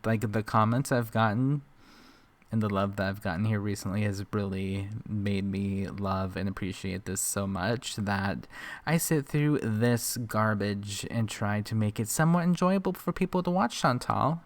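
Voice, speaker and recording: A man's voice: on the low side, unhurried. A man giving casual reaction commentary, sarcastic and teasing, often laughing at what he watches.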